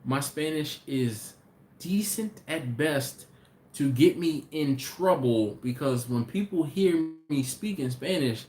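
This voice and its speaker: This barbecue channel host's voice sits on the high side, slow, expressive and slightly mellow. Chatting casually on a live stream, he rambles, talks straight to viewers, reads their comments out, and keeps restarting his sentences. There's a roomy echo and faint background noise.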